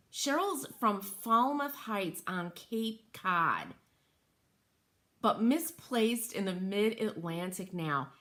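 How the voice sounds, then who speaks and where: In her home workroom by an open window, a middle-aged woman runs a craft livestream, stenciling while she chats, thinks aloud and addresses viewers by name. Her voice is medium-pitched with a fairly bright tone.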